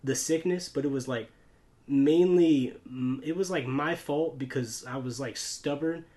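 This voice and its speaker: A man's voice: medium pitch, unhurried, mellow. An American man chatting casually and telling personal stories in a rambling, slangy way, peppered with like, dude and bro. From United States. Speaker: YouTuber, podcast host. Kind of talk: casual chat, personal storytelling.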